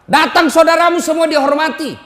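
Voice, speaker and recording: A man's voice: extremely high pitch, a little fast, a bit bright, voice pushed up. A man voicing an older mother sharply scolding her married son. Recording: echoey hall.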